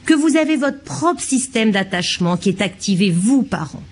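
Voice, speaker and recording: A woman's voice: on the high side, lively intonation, moderate pace. A child psychiatrist giving a lecture to childcare staff, a woman who talks expressively and acts out short examples.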